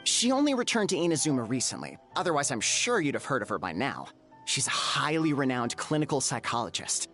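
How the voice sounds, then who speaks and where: A voice actor performs a flustered bathhouse owner in a game, nervous, overly polite, and eager to please. The voice is mid-range, sing-song, brisk, and a bit bright, with faint game music behind it.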